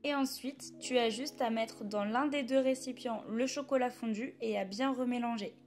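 High-voiced young woman narrating a recipe. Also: normal speed, a little mellow. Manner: chatty, addresses the viewer directly. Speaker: cooking vlogger. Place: home kitchen.

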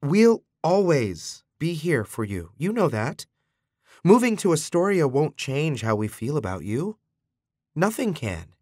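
A gentle middle-aged father speaks softly and earnestly to comfort his son, voiced by a male narrator. The voice rises a little and moves with feeling. It is a dry, close storybook recording. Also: fairly high pitch, very animated, a little slow, no echo, pitched above the performer's own voice.

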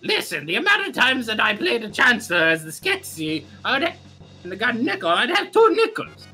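A woman's voice: fairly high pitch, wildly swooping pitch, moderate pace, pushed and bright, faint music behind. A woman co-commentating on a game stream with sweary, stammering, joking banter. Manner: sweary, stammering over exclamations.

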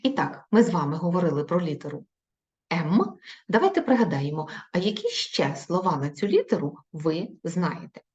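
Woman teacher talking to little kids, low-ish voice that bounces all over, slow and encouraging, muffled recording. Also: big pitch swings, a little mellow. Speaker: primary school teacher. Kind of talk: recorded video lesson for children. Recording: dull lo-fi recording.

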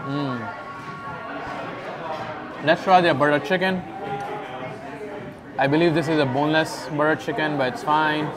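In a restaurant dining room, a young food vlog host talks into a lapel mic, his voice slightly high, a bit slow and full of pauses. He reviews each dish casually mid-bite, with music and chatting diners behind him.

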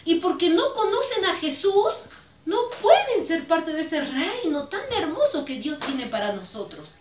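A woman giving a children's sermon and leading a prayer, slow and sing-song, as a children's ministry teacher. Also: extremely high pitch, sing-song, a little hiss or hum. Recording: echoey room, voice from a distance.

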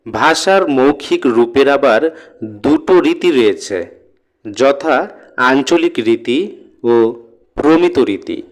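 Slow, deliberate male grammar teacher. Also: medium pitch. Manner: slow, deliberate reading with spoken asides to students. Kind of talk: reading and explaining a grammar lesson.

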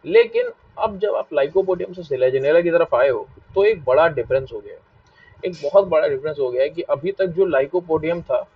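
A male biology teacher with a Hindi accent giving a live online class, repeating key points and asking his students questions. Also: a little high. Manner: repetitive, asks students questions and scolds them to stop fighting. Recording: dull lo-fi mic, a bit distant.

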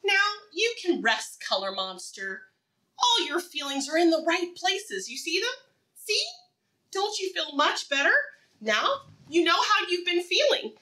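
A woman with a very high voice reads aloud to preschoolers, speaking simply and encouragingly with repeated phrases. She is animated, asking the children questions and pausing for their answers. The recording is low quality, with the mic placed far away.

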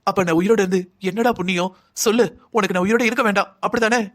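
A man's voice: high voice, fairly even intonation, quick pace, a bit bright. A man voicing a bossy, emotional middle-aged mother-in-law in a cartoon drama, scolding and pleading. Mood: guilt-tripping. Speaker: voice actor.

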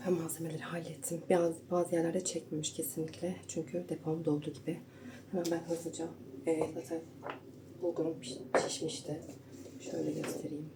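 This home cooking vlogger is a young woman with a low-pitched voice who chats informally with viewers while making food in her kitchen. Now and then she keeps quiet so her sleeping husband and baby stay asleep. The mic is far away, leaving a roomy kitchen echo mixed with household noise.

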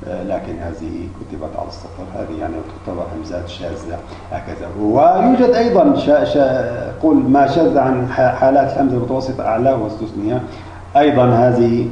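A man's voice: mid-range voice, creaky, mellow, slight background noise. A man teaching Arabic spelling rules, explaining step by step with frequent restarts and hesitations. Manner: halting, many restarts and fillers. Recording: distant mic, echoey room, dull lo-fi.

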